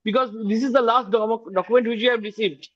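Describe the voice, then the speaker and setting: A man with an Indian English accent addresses the bench formally and deferentially over a remote video link. His voice sits high and moves fast. The sound keeps breaking up and glitching through a dull, lo-fi connection. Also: steady tone. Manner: formal and deferential, repeatedly addressing the judge as "my lord". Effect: breaking, glitching audio. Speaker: advocate for the petitioner. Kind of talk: courtroom submission. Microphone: remote video call. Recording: dull lo-fi video call audio.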